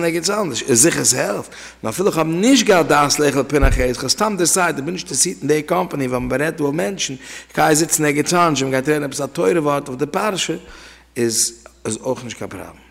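Gravelly rabbi in a reverberant hall. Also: male voice, on the high side. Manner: conversational, telling anecdotes to listeners. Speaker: rabbi teaching a class. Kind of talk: informal religious law lesson.

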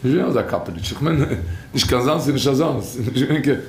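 A man telling a story and teaching as a religious teacher, animated, acting out the people in his tale with raised shouts. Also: mid-range voice, a little fast, creaky, a little hiss or hum. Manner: lively, acts out quoted characters with raised shouts. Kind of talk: storytelling lesson. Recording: roomy echo, faint ambience.

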